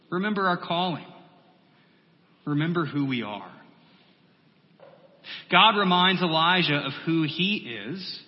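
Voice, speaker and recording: Man preaching in a reverberant hall. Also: a little high. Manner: measured preaching with repeated phrases and soft drops. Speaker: pastor. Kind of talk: sermon. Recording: long hall reverb, muffled sound.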